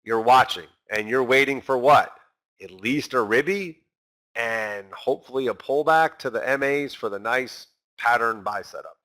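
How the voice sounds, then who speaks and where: A man teaching a recorded trading lesson, animated and talking straight to his viewers, acting out a trader's inner voice. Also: mid-range voice, normal speed. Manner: talks straight to the viewers as guys. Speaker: trading instructor.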